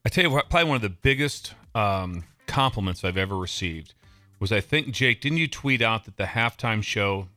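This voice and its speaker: A man from Nebraska, co-hosting a casual sports podcast, telling stories in an excitable, animated way and laughing often. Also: fairly low pitch, moderate pace. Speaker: podcast co-host.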